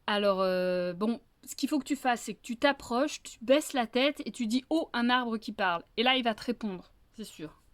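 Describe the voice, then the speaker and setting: A woman voicing a scheming male wolf who grows loud and exasperated, stammering as he scolds. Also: normal speed, no echo, natural voice. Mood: coaxing. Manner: exasperated, shrill, stammering when upset.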